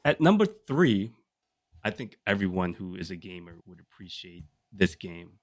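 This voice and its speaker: This podcast co-host has a low, sing-song voice at a normal pace, recorded with no echo. He runs through his picks for the group in a relaxed, enthusiastic chat, frequently posing rhetorical questions.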